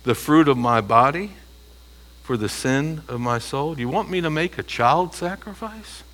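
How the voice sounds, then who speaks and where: A man preaching a sermon, asking the congregation rhetorical questions and rising toward shouts at emphatic points. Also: on the high side, lively intonation, moderate pace.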